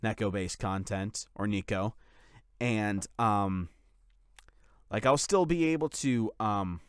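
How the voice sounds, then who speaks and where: Off the cuff, a content creator who also does voice acting rambles through a series update for his followers, often starting sentences over. He speaks slowly and smoothly at a fairly low pitch, in a dry, clean studio recording.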